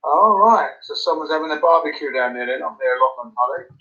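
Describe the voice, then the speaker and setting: A man chats casually as a remote guest on a stream, asking curious questions and agreeing briefly. His voice is bright and a little high. The sound comes through dull and lo-fi. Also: expressive, fairly quick. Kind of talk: casual chat.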